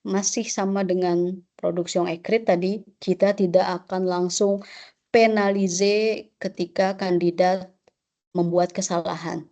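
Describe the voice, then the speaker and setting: A woman's voice: fairly low pitch, level tone, measured pace, dark tone. A woman teaching a webinar lecture as an exam instructor, often checking in with "oke?" and mixing French terms into her explanations.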